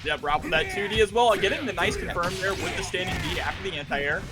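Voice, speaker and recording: Very high-pitched male esports commentator. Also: quick pace. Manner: jargon-heavy, running move-by-move calls. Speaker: tournament commentator. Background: game music.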